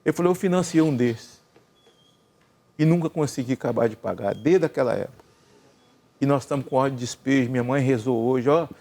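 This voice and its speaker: An older Brazilian man telling a long personal story in casual chat, acting out the dialogue with lively swings in his voice. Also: mid-range voice, fairly quick, vocal fry, pauses often. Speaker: gospel singer and senator telling a story.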